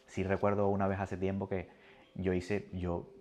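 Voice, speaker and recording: A man preaching a sermon with a personal testimony, animated and moving between soft and loud. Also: deep voice, normal speed, soft background music.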